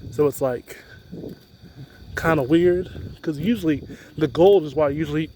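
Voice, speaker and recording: A young man with a slightly high voice talks off the cuff as he vlogs on a walk. He rambles casually into a phone outdoors, with faint street noise behind him. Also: moderate pace, warm tone. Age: young adult. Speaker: student vlogger. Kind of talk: casual walking vlog chat. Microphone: handheld phone.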